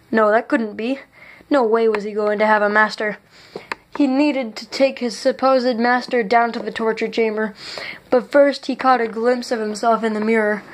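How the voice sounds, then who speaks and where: A woman reading aloud a chapter of her own adventure story, earnest and stumbling on some words. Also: fairly high pitch. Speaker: author reading own book.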